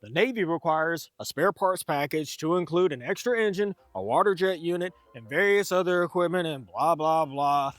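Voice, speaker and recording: A man's voice: a little high, normal speed, few pauses, dry recording, lightly acted. A man playing exasperated, indignant characters in comedy history skits, incredulous and complaining. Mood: incredulous, grudging. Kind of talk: comedic skit acting.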